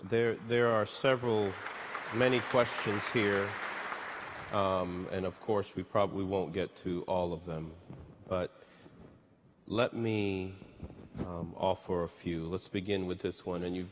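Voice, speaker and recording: A man moderating a public conversation, asking questions in a measured, polite way. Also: low-pitched, fairly even intonation, a faint crowd, slight background noise. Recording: long reverb of a large hall.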